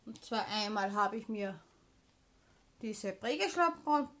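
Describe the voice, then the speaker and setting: A woman's voice: mid-range voice, lively intonation, takes it slowly, a bit bright. A woman chatting casually as a vlogger, showing purchases in an informal, explanatory manner. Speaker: craft haul vlogger.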